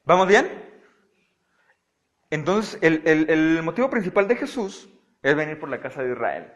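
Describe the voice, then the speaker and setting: A man teaching a Bible study, animated and often checking with his listeners. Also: on the high side, moderate pace. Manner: animated, asks the audience frequent checking questions. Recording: audio-only recording of a live talk.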